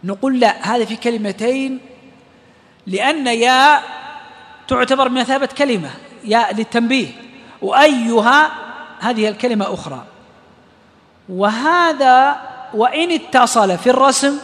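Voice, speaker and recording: Man, high voice, Quran recitation teacher, patient step-by-step classroom explanation, reverberant hall. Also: moderate pace, pauses often, a bit bright. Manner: explains step by step, quizzes students. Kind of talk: classroom lesson on tajweed.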